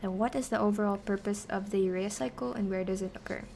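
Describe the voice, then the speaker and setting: Casting: female streamer-tutor, mid-range and fairly even voice, casual self-directed explanations, some background noise. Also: medium pitch, quick pace, gravelly. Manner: talks to herself while working through answers. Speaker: streamer teaching biochemistry. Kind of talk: casual study-stream explanation, question and answer.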